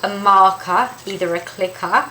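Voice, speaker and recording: A woman presenting a dog-training lesson, lively and emphatic, who repeats her key points. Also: mid-range voice, measured pace, background noise. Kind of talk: instructional talk to camera.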